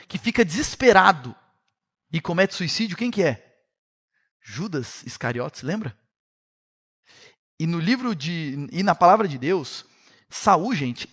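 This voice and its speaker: A man with a Brazilian Portuguese accent teaching a Bible study series, retelling the story vividly and speaking straight to his listeners. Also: high voice. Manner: animated storytelling, addresses listeners directly.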